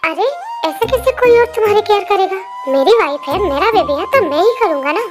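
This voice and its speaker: A woman's voice: very high-pitched, expressive, fairly quick. Woman voicing a bossy, doting young husband. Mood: excited, doting. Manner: bossy, scolding, then doting. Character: young husband, possessive, quick-tempered and doting. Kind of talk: fan story narration. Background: faint music.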